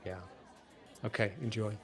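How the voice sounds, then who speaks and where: A man hosting a podcast in casual conversation, talking in loose, restarting sentences with animated bursts. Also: on the low side, a little slow, breathy edge, soft background music, some chatter behind. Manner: rambling, many restarts, animated. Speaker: podcast host.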